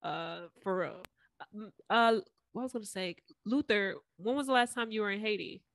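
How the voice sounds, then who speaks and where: A woman's voice: mid-range voice, normal speed, a bit bright. Woman cohost teasing the guys on a podcast, kinda exasperated. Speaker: podcast co-host. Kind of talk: casual podcast chat.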